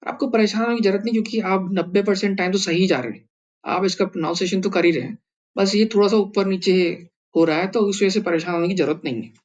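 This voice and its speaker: A man's voice: high-pitched, fast talker, lo-fi sound. A man teaching a language lesson, patiently sounding out words syllable by syllable and repeating them for practice.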